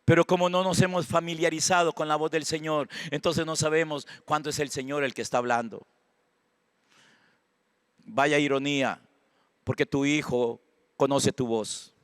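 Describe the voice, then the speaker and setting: A man preaching a sermon with a Costa Rican accent, swinging from hushed prayer to loud exhortation. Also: fairly high pitch, steady tone, normal speed, pauses often, smooth, no room sound. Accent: Costa Rican Spanish. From Costa Rica. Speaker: pastor. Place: church sanctuary.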